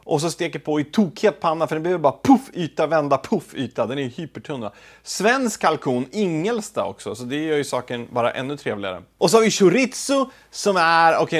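A man hosting a casual home cooking video, talking to the camera while he cooks, with offhand, self-deprecating asides. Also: medium pitch. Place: home kitchen.

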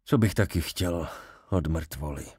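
A man's voice: rumbling low, dark tone, breathy edge, dry recording, studio quality. A man playing a desperate young man. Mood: pleading, shaken. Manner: pleading, with flashes of anger. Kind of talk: audiobook character voicing.

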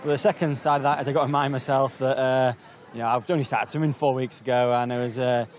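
A male athlete talks quickly but hesitantly, weighing his race. Faint outdoor ambience sits behind him. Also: medium pitch, level tone, a little hiss or hum. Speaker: triathlete. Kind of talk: post-race interview.

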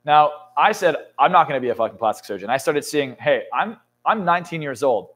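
On an indoor studio lounge set, a young man in his twenties, working as a motivational speaker and coach, talks emphatically through a podcast interview. He curses often and builds to excited peaks, his pitch fairly high and his pace a little quick.

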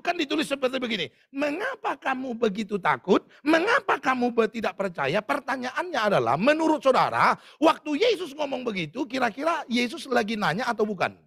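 A male pastor delivers a fervent sermon at a church service, repeatedly turning to the congregation with questions. His high voice is gravelly and husky, and bright and tense when he pushes. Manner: fervent preaching, often calls out to the congregation.

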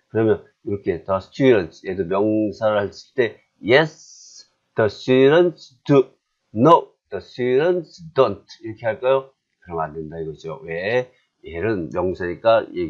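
Deep slow Korean-accented male teacher. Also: dull audio. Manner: chatty, self-deprecating, repeats drills slowly. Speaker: English teacher. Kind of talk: classroom grammar lesson.

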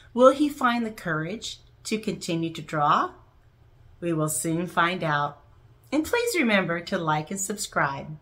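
This middle-aged woman's voice sits on the low side as she hosts a read-aloud of a children's picture book, delivering it with deliberate, expressive storyteller flair.

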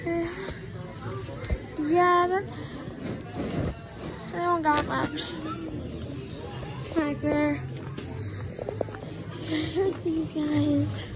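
A woman vlogging a casual walkthrough of a large busy store, rambling and excitable, recorded on a handheld phone. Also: high voice, extremely slow, long pauses, very noisy. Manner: excitable, rambling, easily amazed. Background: loud music and crowd.

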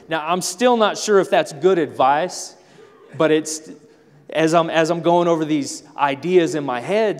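Male pastor, animated storyteller, slightly high voice, long church hall reverb. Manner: animated storytelling, acts out family scenes. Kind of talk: sermon. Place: church sanctuary.

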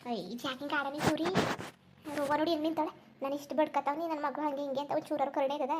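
A woman's voice: high-pitched, steady tone, racing, very noisy, lightly acted. Woman voicing a wailing village mother. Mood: lamenting. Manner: rustic colloquial speech, pleading and scolding. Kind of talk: cartoon voice acting.

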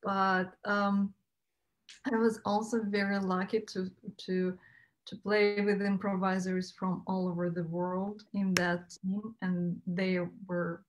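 Woman panel host, thirties, slow and deliberate, video call from home. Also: medium pitch, flat delivery, a little hiss or hum, low-quality recording. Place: home room with shelves and plants.

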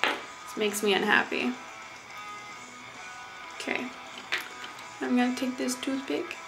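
Her high voice carries vocal fry, and she takes her time as she talks. A young adult vlogger, she mutters casually through a makeup demonstration in a tiny bathroom while music plays nearby. The camera is a short way off, and the recording sounds rough.

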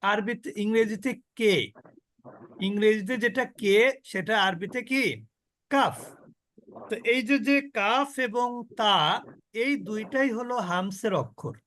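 High-voiced man teaching Quran recitation. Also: fairly bright tone. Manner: explains slowly, demonstrates sounds repeatedly, asks and answers own questions. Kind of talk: online tajweed class.

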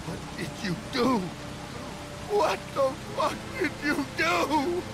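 A vengeful young farm man in a video game, beaten and raging. His voice is strained very high, with slow, drawn-out shouts and taunts under loud background noise. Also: very animated, full character voice. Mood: desperate fury.

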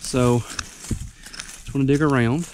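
A man's voice: medium pitch, fairly even intonation, slow pace, noisy background. A young man, out of breath, giving folksy, rambling how-to tips outdoors on a wooded mountainside. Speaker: ginseng hunter vlogger. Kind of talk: casual outdoor how-to vlog.

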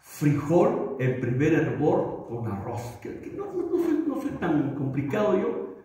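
A man's voice: a little high, huge pitch swings, unhurried, dark tone. A man, a pastor, preaching a sermon with humor and acting out little dialogues. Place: church hall. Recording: echoey hall from far off.

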